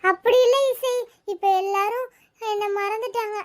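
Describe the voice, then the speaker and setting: A very high-voiced cartoon schoolgirl, an older sister who feels ignored. She talks in a mopey, complaining way. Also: steady tone, normal speed. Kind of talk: cartoon voice acting.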